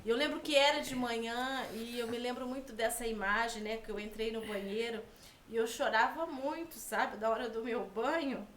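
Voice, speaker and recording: A woman's voice: a little high, steady tone, moderate pace, fairly bright tone, slight background noise. Brazilian lady guest on a podcast, heartfelt, lots of "right?" tags, echoey room. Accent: Brazilian Portuguese. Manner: heartfelt, tag questions often. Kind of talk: personal storytelling in conversation.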